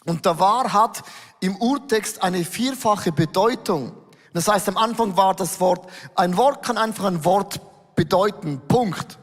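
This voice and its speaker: A man preaching as pastor, lively and conversational, putting questions to the congregation and reading scripture. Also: high-pitched, a little slow. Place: church stage before a congregation. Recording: echoey hall reverb.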